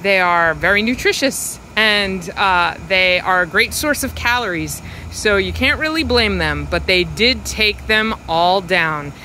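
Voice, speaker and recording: A woman walking through her suburban backyard garden, filming with a handheld phone and explaining each plant in an unhurried, fond way. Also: medium pitch, lively intonation, sharp tone, slight background noise, low-quality recording. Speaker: home gardener giving a garden tour. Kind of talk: casual walking garden tour. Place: outdoors in a suburban yard garden. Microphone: handheld phone camera, speaker behind it.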